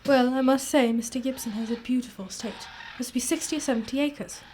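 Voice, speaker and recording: High-voiced genial gentleman doctor played by a woman. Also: fast, slight background noise, natural voice. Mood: genial, curious. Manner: genial, polite. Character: Doctor Watson, genial, gentlemanly detective's companion. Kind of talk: amateur radio drama acting.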